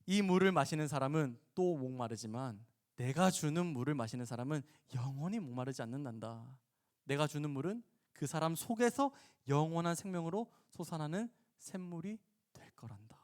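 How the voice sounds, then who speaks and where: A man voicing Jesus, speaking softly and kindly to a woman. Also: medium pitch, expressive, fairly quick, hardly any pauses, close to an everyday voice. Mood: gentle. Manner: soft, kindly.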